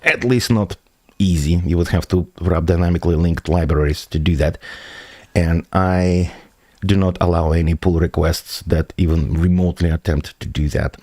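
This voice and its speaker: A man with a deep, low voice gives a methodical tech walkthrough on a live stream. He pauses and restarts as he answers viewer questions. The sound is close and dry, with no room around it. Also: fairly even intonation, a little mellow, no room sound. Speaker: software developer streaming his project.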